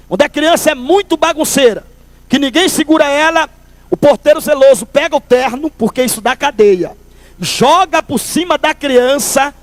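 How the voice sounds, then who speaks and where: A man giving a preached personal testimony to a church congregation, telling his story with lively storytelling and calling the listeners "brother". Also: extremely high pitch, dry recording.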